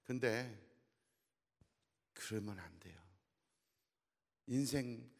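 A man's voice: mid-range voice, very slow, creaky. A male pastor giving a humorous sermon to his congregation in a church, teasing the crowd and often checking in with them. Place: church sanctuary. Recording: long hall reverb.

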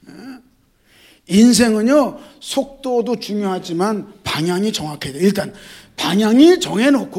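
Husky high-voiced pastor, animated sermon, talks right to the congregation, cracks jokes. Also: male voice. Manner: animated preaching that repeats key words and mixes in jokes; addresses the congregation directly.

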